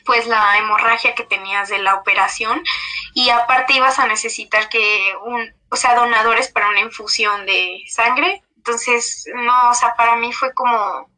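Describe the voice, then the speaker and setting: A woman's voice: a little high, steady tone, moderate pace, sharp tone, low-quality recording. A young woman recounting a painful personal story in an interview, emotional and full of fillers. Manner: emotional retelling with many fillers. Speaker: interview guest. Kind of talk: personal testimony in conversation.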